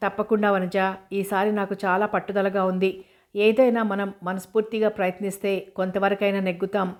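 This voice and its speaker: A woman reading as a shy young woman, anxious and earnest, speaking in a flat, even voice. The reading is steady and level, as in a storybook read aloud. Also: mid-range voice, normal speed, close to an everyday voice. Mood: determined.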